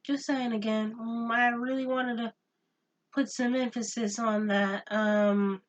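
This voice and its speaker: A woman's voice: on the high side, fairly even intonation, unhurried, far from the mic. A young woman ranting in a casual home vlog, exasperated and repeating her points for emphasis. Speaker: vlogger. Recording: voice a bit off-mic.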